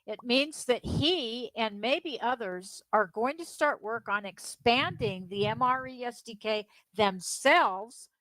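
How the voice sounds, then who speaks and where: A woman co-hosting a live-stream news show, reading tech news in an excited, upbeat way. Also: fairly high pitch, slow, few pauses, dry recording, rough recording. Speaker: co-host.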